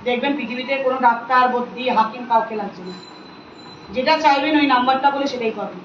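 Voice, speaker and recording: A woman's voice: high voice, a little fast, echoey room, recorded from a distance, lo-fi sound, slight background noise. A woman at a religious gathering questions attendees and lectures them in an insistent, preachy, scolding manner. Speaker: spiritual volunteer handing out free remedies.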